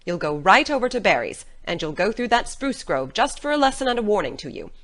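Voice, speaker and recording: Woman as stern, expressive, scolding Marilla. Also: mid-range voice. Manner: brisk, scolding, incredulous, firm. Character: stern, practical, no-nonsense older woman guardian. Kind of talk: dramatic audiobook character reading.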